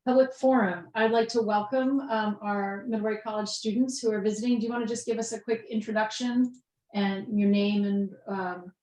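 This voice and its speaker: A woman in her fifties chairing a town committee meeting, friendly and quick to laugh. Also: mid-range voice, steady tone, a little mellow. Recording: echoey meeting room.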